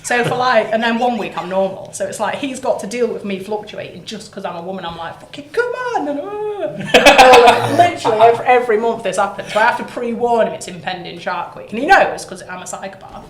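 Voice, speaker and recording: A British woman, a property investor, chatting on a podcast in a blunt, sweary, animated way. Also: mid-range voice, fast talker, few pauses. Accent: British English. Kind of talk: casual podcast chat. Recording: roomy echo.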